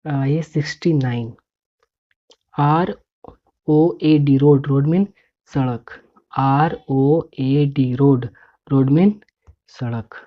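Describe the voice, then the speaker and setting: A woman teaching English words, spelling each one out letter by letter and repeating its meaning in a slow drill. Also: extremely low pitch. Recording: dull lo-fi recording.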